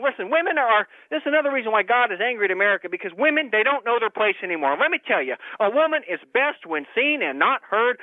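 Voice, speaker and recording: Shrill ranting man on a phone line. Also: no room sound. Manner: ranting, stammering zealot. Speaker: caller. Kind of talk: call-in radio rant.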